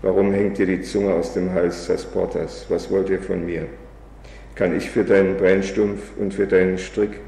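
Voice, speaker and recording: A man reading aloud as a bitter, drunken old male revolutionary, in a flat, weary recitation. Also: low voice, normal speed, gravelly, far from the mic. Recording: echoey hall, faint background noise.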